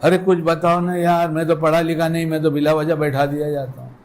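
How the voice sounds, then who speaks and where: A man's voice: on the high side, level tone, a little mellow. A man delivering an Islamic sermon in a colloquial way, putting rhetorical questions to his listeners. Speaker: preacher.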